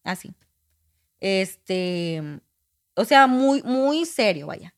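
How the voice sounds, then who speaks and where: Woman, 20s, podcast guest; candid storyteller who acts out the lines of others, mid-pitched. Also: expressive, extremely slow. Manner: candid, acts out quoted dialogue. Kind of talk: personal storytelling in conversation.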